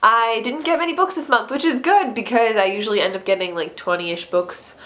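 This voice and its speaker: A woman's voice: on the high side, brisk, fairly bright tone. A young woman in a casual book haul video, gushing with enthusiasm and using lots of fillers. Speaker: book vlogger.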